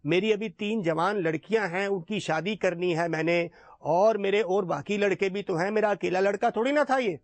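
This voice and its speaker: A man's voice: sits high, moderate pace, no room sound. A man voicing a stubborn middle-aged father who brusquely refuses the guru. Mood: dismissive. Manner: brusque, dismissive.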